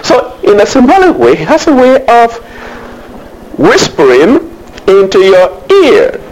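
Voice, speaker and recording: Lively preacher man. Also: high-pitched, unhurried, low-quality recording. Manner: call-and-response preaching, frequent hallelujahs; asks the congregation questions. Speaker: pastor. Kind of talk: sermon.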